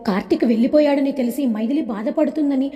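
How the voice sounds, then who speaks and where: A woman's voice: high voice, fast, warm tone, long reverb tail, close to an everyday voice. Woman doing a scheming two-faced young man. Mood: sly. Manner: two-faced, sugary then threatening. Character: scheming jealous young man, fake sweet.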